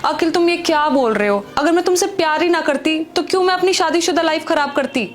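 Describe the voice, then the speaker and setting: A woman's voice: high voice, a little fast, faint music behind, close to an everyday voice. A woman playing a pleading, anxious pregnant wife. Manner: pleading, defensive, emotional. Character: anxious pregnant married woman, secretly in love. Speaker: actor. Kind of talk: Hindi web skit acting.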